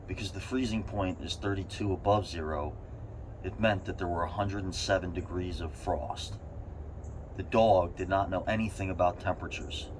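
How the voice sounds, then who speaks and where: A man reading a story aloud, with strained bursts of emphasis. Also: low-pitched. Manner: strained bursts of emphasis, as if sitting in an ice bath. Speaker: reader of a short story. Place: in an ice bath. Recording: steady background noise.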